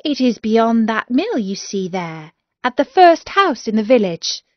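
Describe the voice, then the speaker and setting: A woman's voice: on the high side, big pitch swings, a little slow, dry recording, lo-fi sound. A woman voicing an innocent little girl.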